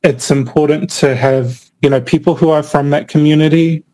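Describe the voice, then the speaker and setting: A man's voice: fairly high pitch, fairly even intonation, normal speed, dark tone, rough recording. A young man from the Cook Islands, a filmmaker answering interview questions in a thoughtful way, with many fillers and restarts. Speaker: filmmaker guest.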